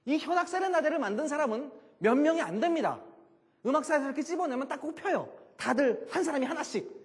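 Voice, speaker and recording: A middle-aged man giving a joking, animated lecture on classical music to a live audience, full of rhetorical questions. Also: extremely high pitch, fast, in a large hall.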